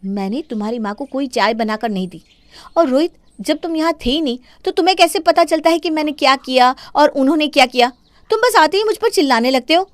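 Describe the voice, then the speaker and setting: A woman's voice: high-pitched, animated, fairly quick, no echo, pitched above the performer's own voice. A woman voicing a defiant young daughter-in-law who talks back and mocks in a cartoon. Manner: mocking, talking back.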